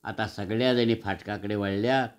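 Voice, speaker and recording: Low-voiced man reading a children's story. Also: fairly even intonation, moderate pace.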